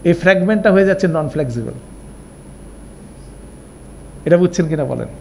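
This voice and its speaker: High-voiced grammar teacher. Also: male voice, animated, rapid-fire, creaky, warm tone, slight background noise. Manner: explains step by step, repeats forms, asks checking questions. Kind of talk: online class lecture.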